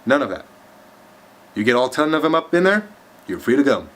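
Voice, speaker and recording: A man's voice: medium pitch, big pitch swings, brisk, a bit bright. A man voicing a stern male chief in a told joke, talking in a stiff, commanding way.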